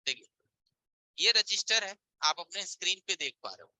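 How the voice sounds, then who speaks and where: Man, teacher, live online class, everyday examples, rhetorical questions, piercing bright voice, dry close sound. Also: high-pitched, lively intonation, normal speed, dry recording, poor audio. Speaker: mobile repair teacher. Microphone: voice-over on a screen-share stream.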